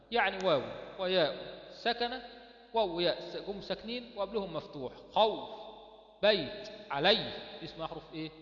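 A man's voice: high-pitched, fairly bright tone, echoey room, big-room sound, lo-fi sound. A man with an Egyptian accent teaching Quran recitation rules, quizzing his students with questions and answering them himself. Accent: Egyptian Arabic. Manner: drills students with rhetorical questions. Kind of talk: explaining tajweed rules.

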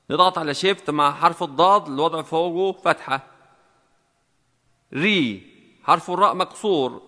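A male teacher walks through a typing lesson one step at a time, slow and deliberate, often repeating the key combinations. His voice is bright and forceful, with a long reverb trailing each phrase. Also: a little high.

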